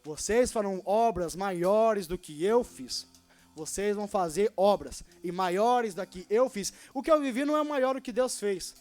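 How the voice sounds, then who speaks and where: A man in his twenties from Brazil preaching a sermon and telling his own story, swinging between loud and hushed. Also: high voice, animated, unhurried, faint music behind. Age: 20s. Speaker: young preacher. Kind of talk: sermon with personal testimony.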